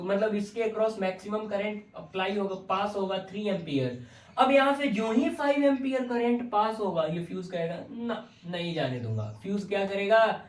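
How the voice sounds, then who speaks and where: A man's voice: high-pitched, distant mic. A male physics teacher gives a classroom lecture and keeps asking questions that he answers himself. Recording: echoey room, voice from off-mic.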